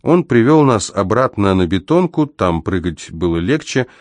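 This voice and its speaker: A man narrates a first-person adventure story at a measured, even pace. His voice is very low and deep. The recording is dry and close, with no room sound. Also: no room sound. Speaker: audiobook narrator.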